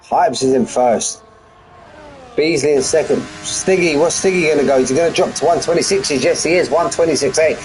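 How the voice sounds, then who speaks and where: A man's voice: a little high, brisk, darkish tone, slight background noise, poor audio. A man giving live race commentary on a stream from his front room at home, chatty and full of banter with his viewers. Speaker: sim racing commentator.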